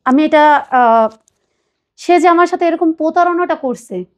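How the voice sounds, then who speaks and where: High-voiced woman telling a painful story. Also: unhurried. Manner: earnest, pleading, quotes others at length. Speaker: guest telling her life story. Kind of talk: emotional personal confession.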